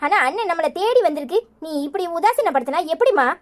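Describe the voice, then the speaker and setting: Young cartoon daughter with a Tirunelveli accent, voiced by a woman; coaxing peacemaker, high and lively. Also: fast talker. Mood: reasoning. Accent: Tirunelveli Tamil. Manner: coaxing, reasoning, pleading. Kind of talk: cartoon voice acting.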